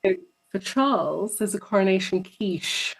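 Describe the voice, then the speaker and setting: A woman's voice: mid-range voice, expressive, a little slow, gravelly, poor audio. A woman, a psychologist guest chatting in an interview and telling stories, often repeating words for emphasis. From London, England. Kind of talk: casual interview conversation.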